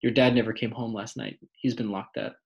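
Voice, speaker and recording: A man reading an audiobook voices a firm, steady older woman, a grandmother, in a gravelly, husky tone. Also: medium pitch, brisk, dull audio.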